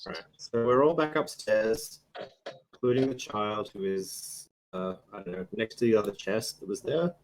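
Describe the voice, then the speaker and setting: A man narrating a tabletop game as game master, relaxed and casual, laughing often. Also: fairly low pitch, moderate pace, a little hiss or hum, rough recording.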